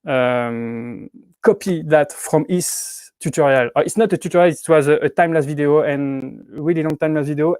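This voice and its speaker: A man's voice: fairly high pitch, a little mellow, no room sound, clean studio sound. A man in his thirties from Switzerland with a French accent, chatting casually on a livestream, hesitant with many restarts and fillers. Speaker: YouTube prop-making channel host. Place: indoors at home with cats.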